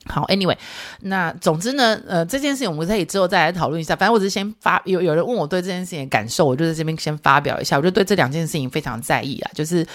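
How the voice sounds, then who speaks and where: A woman's voice: lowish voice, expressive, racing. A woman in her thirties with a Taiwanese Mandarin accent, telling a story as a podcast host in a chatty, candid way. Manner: chatty and candid, mixes in English and Taiwanese Hokkien words. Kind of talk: casual storytelling monologue.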